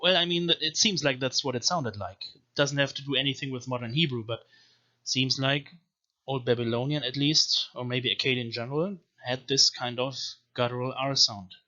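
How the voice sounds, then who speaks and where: A man's voice: mid-range voice, steady tone, bright, forceful tone, lo-fi sound. A man giving an explanatory video lecture on reading an ancient script, carefully sounding out one syllable after another. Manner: slowly spells out syllables one by one. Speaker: language teacher.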